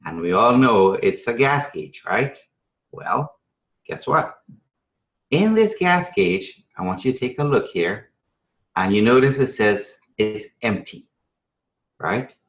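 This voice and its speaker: Speaking slowly with frequent pauses, a man from Trinidad and Venezuela uses a medium-pitched, sing-song, fairly bright voice to teach teachers a math strategy in a live session. The room sounds echoey, and he keeps it conversational and emphatic, peppered with rhetorical questions and check-in tags.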